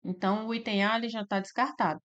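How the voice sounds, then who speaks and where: A woman with a Brazilian Portuguese accent teaching a grammar lesson for exam prep. She explains step by step, slowly drawing out syllables and checking in with "né?" and "tá?". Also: medium pitch, steady tone, a bit bright, lo-fi sound. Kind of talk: slide-based grammar lesson.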